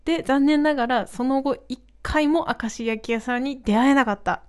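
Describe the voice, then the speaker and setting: A young woman hosting her own podcast, casually telling a story in a chatty, animated way, acting out quoted lines and laughing often. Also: high voice, normal speed.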